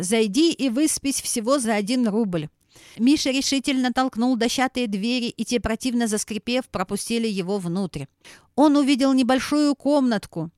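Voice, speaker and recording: Brief: woman storybook narrator, fairly high voice, expressive reading, dry close sound. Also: no echo.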